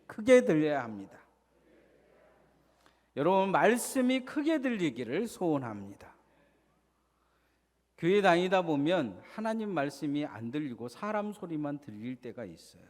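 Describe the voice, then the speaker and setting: Male pastor, slightly high voice, preaching with rhetorical questions in a long-reverb sanctuary. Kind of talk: sermon. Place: church sanctuary.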